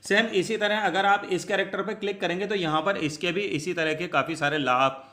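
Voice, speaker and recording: Tutorial host, male, bright forceful voice, slightly high, patient click-by-click instructions. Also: steady tone, brisk. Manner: step-by-step instructions, addresses viewers as friends. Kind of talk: screen tutorial walkthrough.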